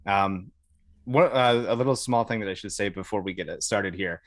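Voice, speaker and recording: Recorded with no echo, an American man with a lowish voice speaks at normal speed, telling casual stories as a podcast guest. The Air Force veteran keeps it informal, with some swearing and performed lines of dialogue.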